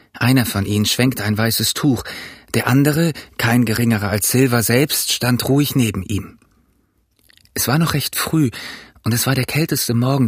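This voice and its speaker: Husky man narrating a story. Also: mid-range voice, no room sound, studio quality. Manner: measured storytelling, first person. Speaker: audiobook narrator. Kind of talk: scripted narration.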